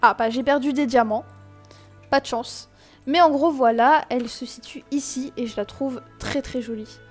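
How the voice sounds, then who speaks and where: A woman's voice: high voice, normal speed, faint music behind. Chatty young woman explaining a game. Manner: chatty and explanatory, many fillers, self-mocking asides. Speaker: gaming tutorial host. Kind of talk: casual screen-recorded game tutorial.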